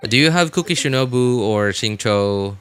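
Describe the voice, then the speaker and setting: This man's medium-pitched voice is animated, clear, and resonant with a fairly bright tone, moving at a moderate pace. He talks casually to his game livestream audience, hesitantly reading and answering comments and repeating phrases, as music plays behind him.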